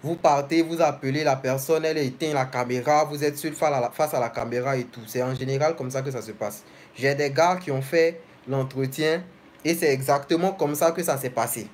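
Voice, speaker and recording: A man's voice: mid-range voice, steady tone, brisk, slight background noise. A young man hosting a casual live stream, reading viewers' comments aloud and answering each one directly and familiarly.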